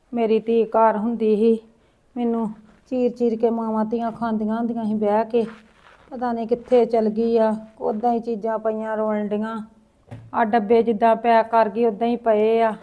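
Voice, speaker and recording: Woman acting sad old granny in a village drama, sighs and mutters to herself a lot, bit high voice. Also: darkish tone, lightly acted. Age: older. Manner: sighing, lamenting, talks to herself. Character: lonely grieving old grandmother. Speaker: grandmother in a short film.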